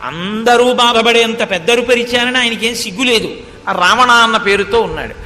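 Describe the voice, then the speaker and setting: A man giving a devotional sermon as animated storytelling, reciting old verses between retellings. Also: very high-pitched, normal speed, long reverb tail, faint music behind. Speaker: religious discourse speaker.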